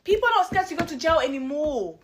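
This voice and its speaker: A woman speaks in emphatic, outraged commentary. Her voice sits high and swings up and down with lots of movement. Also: animated, quick pace. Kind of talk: indignant commentary.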